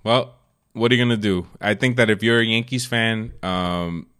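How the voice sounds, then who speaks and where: Male podcast co-host, somewhat low voice, opinionated casual sports talk. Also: normal speed, fairly bright tone, clear, resonant tone. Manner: opinionated, blunt, swears freely.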